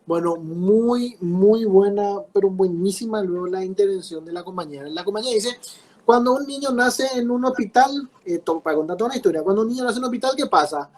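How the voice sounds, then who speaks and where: A man's voice: high voice, expressive, a little fast, darkish tone, poor audio. Lecturing man repeating rhetorical questions. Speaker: law teacher. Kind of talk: class lecture.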